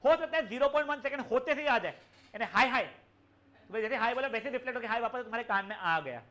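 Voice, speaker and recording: A young man teaches physics in a live online class, speaking animatedly at a quick pace in a high, bright voice. He explains things chattily in a mix of Hindi and English and calls his students "beta".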